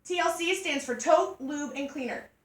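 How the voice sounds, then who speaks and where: A woman giving a joking, animated sales demonstration to a group of women. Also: sits high, moderate pace. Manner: chatty, joking, animated storytelling. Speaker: party product consultant. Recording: echoey room from far off.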